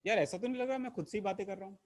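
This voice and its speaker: Racing along in a high-sitting voice, a man hams it up while teaching chemistry online, teasing his students to camera. A camera mic records him.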